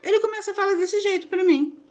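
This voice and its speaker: A woman's voice: very high-pitched, fast, a little mellow. A woman with a Brazilian Portuguese accent, a therapy group participant pouring out a personal account in a rambling, confiding way full of repeated fillers.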